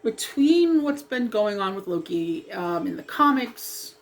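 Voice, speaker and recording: A woman with a mid-range, very animated voice speaks a little slowly while casually vlogging about dyeing her hair. She hesitates, rambles with lots of ums, and keeps apologizing, sounding sniffly and slightly froggy from a lingering cough.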